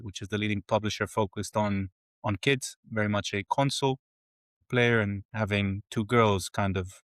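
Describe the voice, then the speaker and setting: A man from Israel in his forties speaks in a lowish voice, candid and lightly joking at his own expense. His podcast interview sound is dry and close, with no room echo at all. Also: a bit bright. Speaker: guest, games company CFO.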